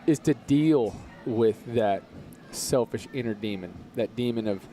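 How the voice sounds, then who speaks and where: A man talking as a podcast guest in casual conversation, earnest and motivational, slowing down to stress his points. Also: medium pitch, mellow, faint music behind.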